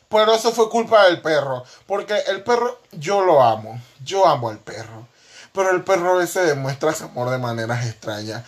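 A young man hosting a podcast, telling comic stories about himself in an animated, profane, self-mocking way and often breaking into laughter. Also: fairly high pitch. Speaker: podcast host. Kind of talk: comic storytelling monologue.

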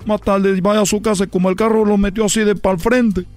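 A man's voice: flat delivery, a little fast, faint music behind, lightly acted. A man doing a squealing baseball player. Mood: boastful. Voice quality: high, squealing delivery. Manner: rambling, shouting catchphrases, laughing at own jokes. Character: excitable boastful male baseball player, adult. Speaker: recurring comedy character on a radio show. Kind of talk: comic radio sketch, rambling tall tale.

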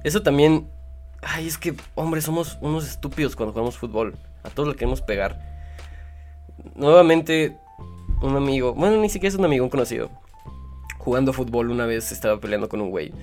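A man's voice: mid-range voice, a little fast, long pauses, a little mellow, soft background music. A man with a Mexican accent hosting a podcast, reading listener stories aloud and rambling in a joking, self-mocking way. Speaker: podcast host.

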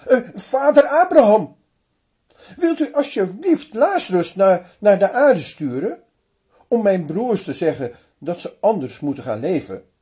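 A tormented rich man begs from the fire in high, loud, husky cries, as a man puts him on while telling the story. The voice sits far above the teller's own and pleads without letup. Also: sing-song, unhurried, exaggerated voice. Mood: begging.

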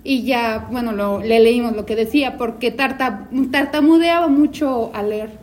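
A woman tells a school anecdote in a lively way, quoting what people said. Her voice is high. She talks in a chatty panel-discussion manner. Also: moderate pace. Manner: animated storyteller, quotes people.

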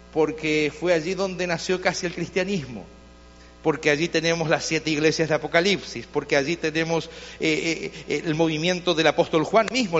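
High-voiced male pastor preaching in a reverberant hall. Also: fairly bright tone. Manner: impassioned preaching with rhetorical questions. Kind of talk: sermon. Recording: dull lo-fi sound with long hall reverb.

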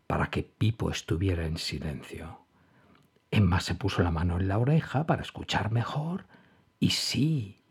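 A man reading a children's story aloud in an expressive, animated storybook narration. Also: deep voice, slightly rough. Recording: dull lo-fi recording.

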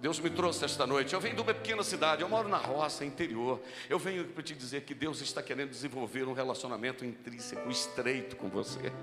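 A man preaching a sermon at a church event in Brazil, with a deep, strong voice, telling stories and repeating key lines as he builds to fervent exhortation. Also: fast, hardly any pauses. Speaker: pastor. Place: large church hall. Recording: live church recording with long reverb and music.

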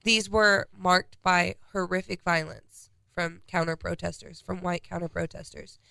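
A stuffed-up woman co-hosts a casual podcast, running through a list of dates and events. Her voice is bright with a gravelly edge. It is recorded close and dry. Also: fairly low pitch, flat delivery, measured pace, no room sound. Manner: reads out a history timeline of dates. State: congested. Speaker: podcast co-host.

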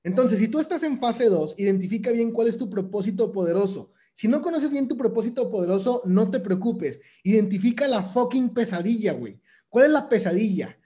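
A young man with a Mexican accent delivers a motivational talk in a loose, slangy way. He sits high in his range with a soft, mellow tone. He stresses his points by saying them twice. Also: animated, fairly quick. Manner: casual, slangy, emphatic with repetition. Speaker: motivational speaker. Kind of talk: motivational monologue.

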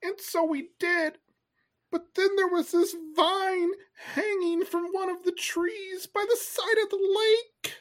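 A woman's voice: very high-pitched, steady tone, takes it slowly. A woman voicing an anxious male cat who tells a story in a rambling, teary way.

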